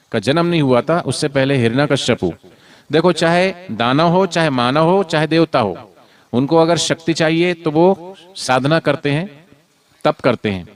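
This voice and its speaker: Guy telling a religious story to kids, keeps asking them to answer back, energetic. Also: mid-range voice. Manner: animated, call-and-response prompts. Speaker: spiritual storyteller. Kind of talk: devotional storytelling to children.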